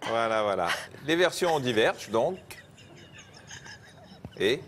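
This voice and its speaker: A man's voice: medium pitch, very animated, slow, fairly bright tone, a little hiss or hum. A man presenting live news, bantering with a co-presenter and slipping in teasing, colloquial asides.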